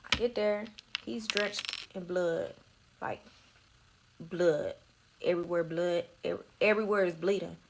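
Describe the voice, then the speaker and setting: Young woman w a gravelly voice, raw emotional storytelling, cursing, goes quiet and whispery, bit of noise behind. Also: lowish voice, steady tone, unhurried, pauses often. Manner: candid, profane, emotional, drops to soft near-whispers.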